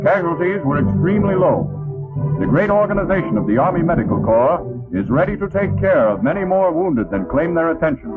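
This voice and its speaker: A man narrating a wartime newsreel from a script in the stirring, declamatory manner of an old 1940s newsreel narrator. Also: a little high. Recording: tinny band-limited 1940s newsreel soundtrack. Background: loud orchestral newsreel music.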